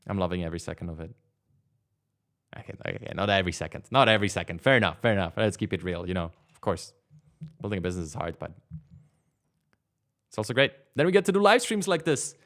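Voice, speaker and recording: Sitting at his home studio desk, a twenty-something man runs a relaxed livestream and responds to chat with filler-heavy rambling that leans on "like." He speaks low and fast, very animated, with long pauses in between.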